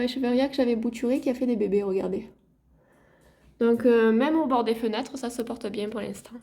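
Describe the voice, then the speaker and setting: A woman's voice: on the high side, a little mellow. A woman chatting casually in a home vlog, showing her plants to viewers. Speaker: gardening vlogger. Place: at home by a window.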